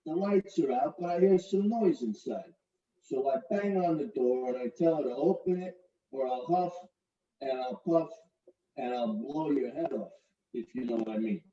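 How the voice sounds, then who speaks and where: Man playing a cocky New mobster type, middle-aged, crude wisecracks, higher voice, mellow dark tone, muffled from afar. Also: normal speed, distant mic, natural voice. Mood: swaggering. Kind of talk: comedic courtroom parody acting.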